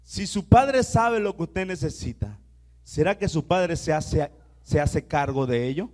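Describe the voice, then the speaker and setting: A male pastor preaching a sermon, leading the congregation in repeating phrases and moving between soft asides and loud declarations. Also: on the high side, expressive, measured pace. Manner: exhorting, has the congregation repeat phrases aloud. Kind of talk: sermon with call-and-response.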